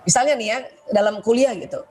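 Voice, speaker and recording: A woman's voice: fairly high pitch, quick pace, darkish tone, slight background noise. Chatty woman giving a parenting lecture. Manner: chatty, laughs often, asks the audience questions. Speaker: doctor giving a parenting webinar. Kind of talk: webinar lecture on children's temperaments.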